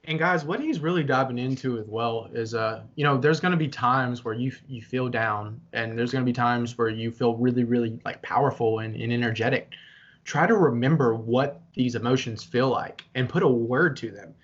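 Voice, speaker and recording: A young adult man co-hosts a casual podcast chat at a moderate pace in a medium-pitched voice. His delivery is an earnest pep talk with some swearing, and the lo-fi audio is slightly dull.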